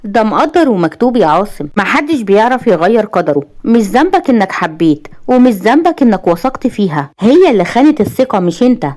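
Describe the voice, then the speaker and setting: A woman voicing a devoted young woman in love, speaking softly and emotionally with an Egyptian Arabic accent. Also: on the high side, animated, quick pace, pitched above the performer's own voice, close to an everyday voice. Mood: firm. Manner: soft, pleading and emotional.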